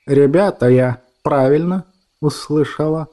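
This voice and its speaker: A soft, tender old woman, as a male storyteller puts her on, her voice raised a little and hushed. She talks fondly and tearfully in a mellow, warm tone, like a grandmother in a storybook. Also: fairly high pitch, unhurried, natural voice. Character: old woman, emotional, gruff yet tender.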